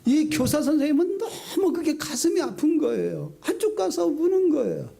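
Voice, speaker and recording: A middle-aged man preaching a sermon in a notably high but mellow, warm-toned voice. He tells his stories with animation, swinging from high excited bursts to low hushed lines. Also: moderate pace, creaky. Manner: lively storytelling, acting out quotes. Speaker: senior pastor.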